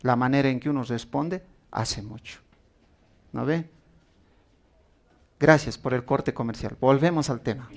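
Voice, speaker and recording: A man's voice: mid-range voice, a little slow, gravelly, long pauses, a little mellow. A man preaching a sermon, telling stories with acted-out quotes and asking the congregation questions.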